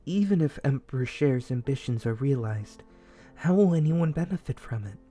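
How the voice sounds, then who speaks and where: A young man voicing a shy, dutiful young male general who reads a bedtime story aloud in a whispered role-play, soft, earnest and easily flustered. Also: medium pitch, animated, moderate pace, faint music behind, natural voice. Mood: gentle storytelling.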